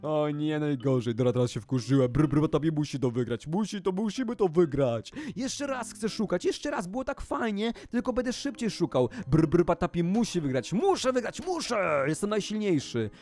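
A man hosting a gaming video, commentating excitedly as he plays and often breaking into loud, high exclamations. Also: normal speed, hardly any pauses, soft background music.

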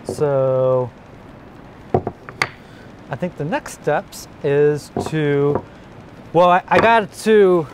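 In an indoor workshop, a man in his forties hosting a woodworking channel explains each step casually, relaxed and thinking aloud as he works. His voice is a little high, and he draws out words and pauses often, with background noise.

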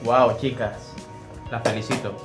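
A man's voice: medium pitch, steady tone, measured pace, echoey room, over music, natural voice. A young man acting a cynical, sarcastic shop clerk in a scripted web drama, recorded in a clothing store. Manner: sarcastic, scolding. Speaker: store employee Luis.

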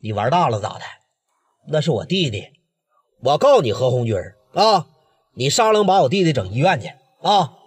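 A man voicing a protective, hot-tempered gang leader with a Northeastern Mandarin accent, speaking low and steady. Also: moderate pace, breathy edge, big-room sound. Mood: stern. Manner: low and steady, turning fierce.

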